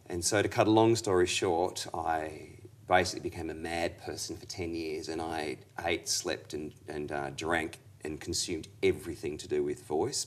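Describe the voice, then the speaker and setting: A man, a vocal coach, talking through his story in a relaxed interview, thoughtful and rambling with restarts. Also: sits low. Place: acting studio.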